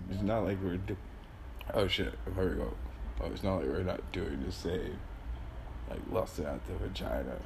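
A man's voice: low-pitched, unhurried. A man rambling through casual, sweary podcast banter in a loose, giggly way, tripping on mushrooms. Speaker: podcast host. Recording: clearly noisy background ambience.

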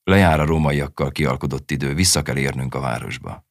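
A man voicing a stern, weary male herder and father in an audiobook story, terse and low-key. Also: vocal fry, dry recording, studio quality. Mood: grave.

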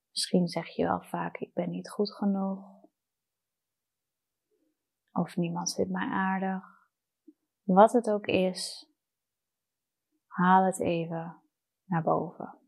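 A woman guiding a meditation in a soft, soothing, unhurried manner with long pauses. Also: mid-range voice, steady tone, gravelly, poor audio. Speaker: meditation guide. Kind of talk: guided meditation.

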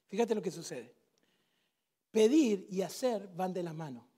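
A man preaching a sermon in a church with a Rioplatense accent, emphatic, swinging between shouts and hushed intensity. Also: sits high, expressive, measured pace, breathy edge. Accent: Rioplatense Spanish.

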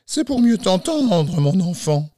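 A man voicing a storybook wolf who poses as a frail, tired old grandmother, in falsetto with feigned weary sweetness. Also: very animated, slow, dark tone, no echo, clean studio sound, exaggerated voice. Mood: sugary, sly. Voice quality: high falsetto.

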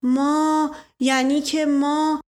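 Woman playing a flustered old storybook servant, rambling and evasive, pitched up high, hedging every answer. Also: level tone, a little mellow, lightly acted. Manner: rambling, hedging with stock phrases.

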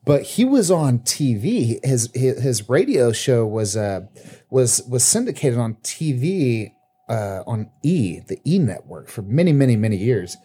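Mellow, rambling man co-hosting. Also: mid-range voice, big pitch swings, breathy edge. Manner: rambling, profane, halting restarts. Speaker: podcast co-host. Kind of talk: casual chat.

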